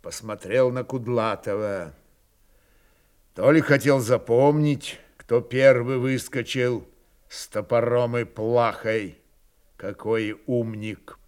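A man narrating a literary audiobook in a measured, expressive way. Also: medium pitch, smooth. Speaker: audiobook reader.

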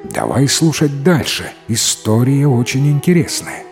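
A man's voice: medium pitch, very animated, measured pace, vocal fry, darkish tone, faint music behind. A man voicing a polite young prince in a storybook reading. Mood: courteous.

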